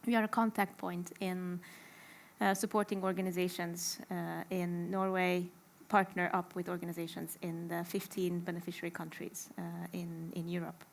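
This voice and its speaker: A woman from Romania, introducing herself on a panel. Her voice has a gravelly, creaky edge, and she talks with quick self-deprecating liveliness. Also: fairly low pitch, flat delivery. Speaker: human rights activist.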